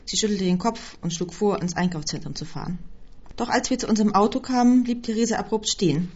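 A woman reading a first-person story aloud as scripted narration, with a husky voice. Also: medium pitch, fast talker, a little mellow. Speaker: audiobook reader. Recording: dull lo-fi recording.

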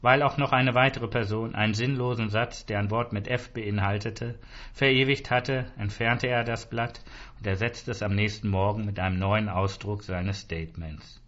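A man's voice: lowish voice, steady tone, moderate pace, a bit bright. A man narrating a short story aloud with dry, ironic storytelling. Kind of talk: audiobook reading of a short story. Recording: dull lo-fi recording.

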